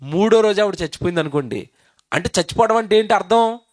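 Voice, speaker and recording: A man's voice: high-pitched, animated, fast talker, no room sound, studio quality. A male pastor from Andhra Pradesh with a Telugu accent, preaching a sermon in an emphatic way, asking the congregation questions and repeating phrases.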